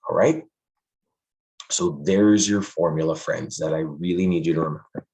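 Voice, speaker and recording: Male math teacher with a deep voice that is going hoarse, friendly and emphatic. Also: steady tone, normal speed, darkish tone, poor audio. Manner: friendly, calls students "friends", stresses key points. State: losing his voice. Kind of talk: classroom math lesson.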